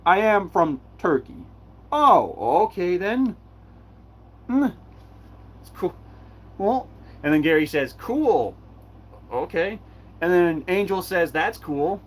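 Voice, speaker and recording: A man hosting a live stream Q&A, reading chat messages aloud and answering in a halting way, repeating himself often. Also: sits high, animated, a little hiss or hum.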